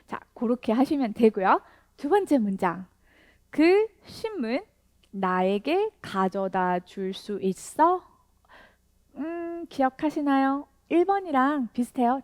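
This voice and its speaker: Higher-voiced woman teaching slowly. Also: sing-song, a little mellow, no room sound. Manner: coaxing, asks learners to repeat, slow drilled phrases. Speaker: English teacher. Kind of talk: step-by-step language lesson.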